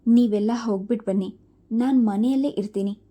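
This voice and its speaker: A woman voicing a gentle, easygoing middle-aged father who coaxes his children calmly in a storybook reading. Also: a little high, brisk, close to an everyday voice. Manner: calm, coaxing.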